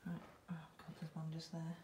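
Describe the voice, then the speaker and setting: A nervous woman with a lowish voice, gasping and exclaiming as she explores a derelict farmhouse. The sound rings around the bare empty rooms on a handheld phone, with clear noise underneath. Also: completely flat delivery, moderate pace, reverberant. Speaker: urban explorer. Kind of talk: casual chat while exploring.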